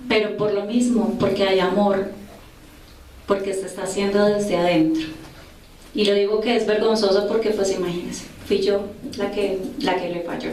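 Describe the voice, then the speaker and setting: A woman speaking earnestly to a church group, sharing a personal testimony with pauses and restarts. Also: medium pitch, fairly even intonation, darkish tone, a little hiss or hum. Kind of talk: religious talk with personal testimony. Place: church group meeting room. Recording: echoey room, mic far off.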